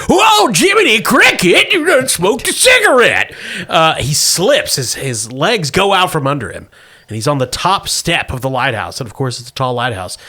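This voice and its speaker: A man's voice: mid-range voice, a bit bright. A man hosting and narrating a comic tabletop game as game master.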